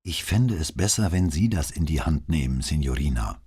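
A man's voice: extremely low pitch, expressive, moderate pace, dark tone, breathy edge, exaggerated voice. A man reading an audiobook and voicing a middle-aged police commissioner who speaks curtly and insistently. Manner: curt, insistent. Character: middle-aged male police commissioner, brusque then pleading.

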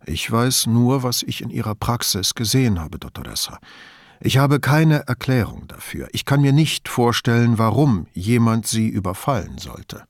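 Man reading as a calm probing police inspector. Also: medium pitch, no echo, clean studio sound. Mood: measured. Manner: measured, quiet, probing.

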